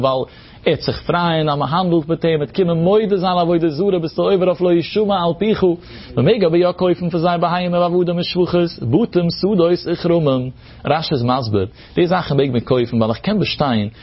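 A man's voice: on the high side, lo-fi sound. A man teaching a Talmud lesson in a sing-song explanatory cadence, mixing in Hebrew terms. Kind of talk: Talmud study lecture.

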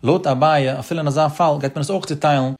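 A man teaching a Talmud study lesson, reasoning through cases in a quick singsong with rising and falling questions. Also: on the high side, steady tone, creaky. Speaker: religious text teacher. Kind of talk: rapid Talmud study lecture.

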